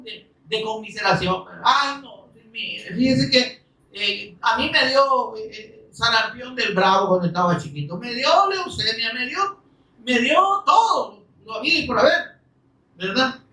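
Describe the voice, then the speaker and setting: High-voiced guy preaching a sermon, loud then soft, a bit far from the mic, echoey room. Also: a little slow. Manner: animated preaching, swings from loud to soft, acts out complaints.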